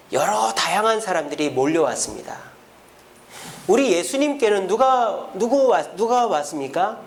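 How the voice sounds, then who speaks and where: A man preaching a sermon as pastor, acting out biblical figures in lively bits of dialogue. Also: high-pitched. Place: church.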